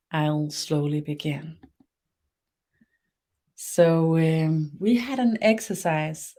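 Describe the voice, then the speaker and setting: Her pitch fairly low and her tone mellow, a Danish-accented woman from Denmark, whose first language is Danish, leads a live-streamed spiritual webinar as its host and teacher. She talks slowly, often restarting and using fillers.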